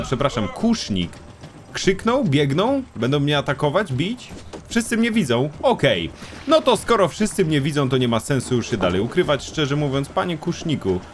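A young man giving casual let's-play commentary, talking to enemies, joking and swearing a lot. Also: mid-range voice. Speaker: gameplay streamer.

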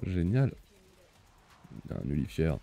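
A man's voice: extremely low pitch, huge pitch swings, slow pace, gravelly, mellow. A young man chatting casually on a live stream, reading the chat aloud, laughing often and using many fillers.

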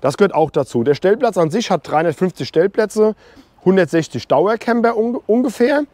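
A man in his forties talks straight to viewers on a close clip mic while he walks a campground outdoors. His voice sits a little high for a man, and the sound is dry and close. He is chatty and opinionated. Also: animated, brisk, a little mellow, no room sound. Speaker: camping vlogger. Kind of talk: casual walk-and-talk review. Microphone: small clip mic on hoodie, camera held at arm's length.

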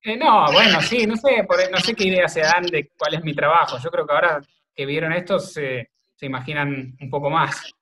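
Rambling Argentine man, a bit high. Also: moderate pace, bright, forceful tone. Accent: Argentine Spanish. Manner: rambling, thinks aloud with many fillers. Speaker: video maker and editor, interview guest. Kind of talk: casual remote interview conversation.

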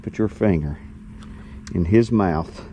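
A man's voice: sits low, slow pace, dark tone, a little hiss or hum. A man in his fifties with a Southern US accent, chatting and joking to the camera while fishing from a small boat outdoors. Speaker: fishing vlogger. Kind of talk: casual chat. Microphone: action camera on the boat.

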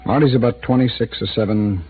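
In a 1950s radio drama, an actor plays a guarded, evasive male city attorney who hesitates and drops hints. His medium-pitched voice is fairly quick with a breathy edge. The broadcast sounds tinny and lo-fi, with hiss.

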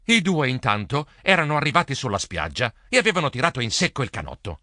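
A man narrating a children's audiobook in a playful, animated storytelling manner. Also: medium pitch, fast, no room sound.

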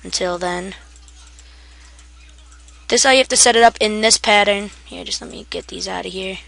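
Sleepy gravelly-voiced woman explaining a game. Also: medium pitch, moderate pace, a bit bright. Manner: sleepy, rambling, self-deprecating. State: half asleep. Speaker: gaming tutorial maker. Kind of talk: casual game tutorial.

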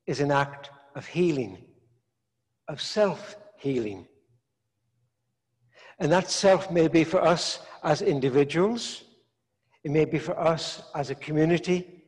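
An older man, a priest, preaching a sermon in slow, measured phrases with long pauses, recorded in a large stone church. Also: on the high side, a little mellow. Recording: echoey church from a distance.

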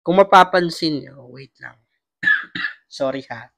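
Bright-voiced Filipino man with a cough. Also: on the high side, fairly even intonation, measured pace, no echo. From Philippines. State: strained voice with a cough. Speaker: vlogger and host. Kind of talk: casual vlog talk, gaming tutorial.

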